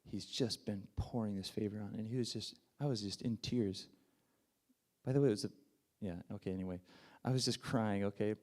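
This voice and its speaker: Fervent male preacher with a mellow voice. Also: on the low side, a little fast. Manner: emotional, rising to fervent peaks then dropping to near whispers. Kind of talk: sermon.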